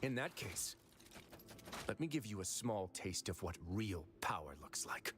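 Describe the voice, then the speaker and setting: An actor playing a stern male duke who runs a prison, speaking in a cool, measured, commanding way, from a game with music behind. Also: on the low side, lively intonation, noisy background. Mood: defiant.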